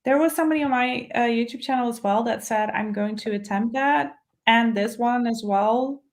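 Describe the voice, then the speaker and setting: High, slightly creaky-voiced woman chatting. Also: moderate pace. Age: 30s. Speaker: online book channel co-host. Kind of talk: casual live stream chat.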